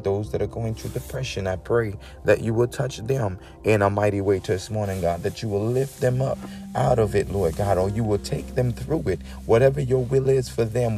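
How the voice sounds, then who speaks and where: This morning prayer comes from a preacher from the Bahamas whose voice is on the low side at a moderate pace, over music. Earnest in his devotional talk and extemporaneous prayer, he exhorts, repeats invocations, and punctuates with frequent amens.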